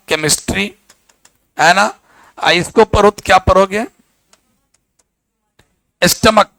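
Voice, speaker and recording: This is a male biology teacher from Bihar, a voice that sits fairly high. He lectures in a casual, story-driven way and drops into to act out exchanges between people. The recording is dry, almost no room sound. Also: dry recording. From Bihar, India. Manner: animated storytelling, acts out dialogue in local dialect. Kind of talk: classroom lecture with anecdotes.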